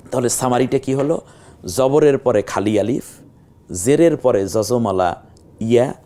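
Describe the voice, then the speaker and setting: A man teaching a Quran reading class, who explains each rule step by step, asks and answers his own questions, and draws out the vowels slowly when he demonstrates. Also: lowish voice, dark tone. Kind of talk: televised Quran reading lesson.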